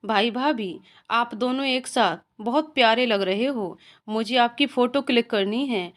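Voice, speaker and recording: A woman's voice: a little high, unhurried, lightly acted. A woman voicing a playful young sister-in-law who talks in a bubbly, bossy way.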